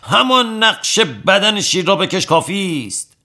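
A man's voice: high-pitched, big pitch swings, sharp tone, voice pushed up, heavily acted. A man voicing a boastful strongman who whines and yelps at the pain of a tattoo needle. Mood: exasperated. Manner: yelping, whining complaints. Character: boastful adult male strongman, cowardly about pain.

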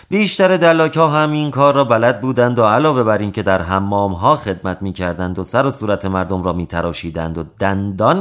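Lively male storyteller reading a tale. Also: mid-range voice. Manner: expressive, lively narration. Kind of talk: reading a folk tale aloud.

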